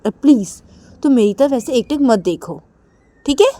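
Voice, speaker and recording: A woman's voice: animated, normal speed, mellow. A woman voicing a shy, flustered young woman who keeps telling her partner to stop staring. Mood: flustered, exasperated. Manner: high, exasperated, repeating herself.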